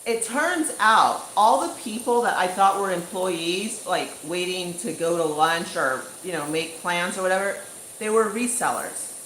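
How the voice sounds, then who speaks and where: A woman's voice: fairly low pitch, unhurried, a little hiss or hum. Chatty woman vlogger in an echoey room. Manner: chatty, animated, full of fillers like "you know" and "like". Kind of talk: casual storytime vlog. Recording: echoey room with faint ambience.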